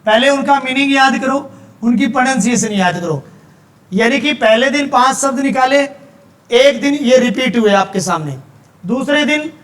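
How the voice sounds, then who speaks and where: A man's voice: extremely high pitch, fairly bright tone. A male teacher with a Haryanvi accent giving a classroom lecture, explaining step by step and checking in with his students often.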